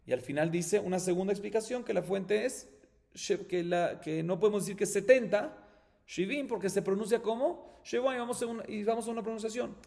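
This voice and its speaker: Colombian Spanish male rabbi, higher voice, explains step by step with rhetorical questions; reverberant hall sound. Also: a little fast, creaky, darkish tone. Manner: explains step by step, asks and answers his own questions. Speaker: rabbi teaching Talmud. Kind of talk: Talmud class.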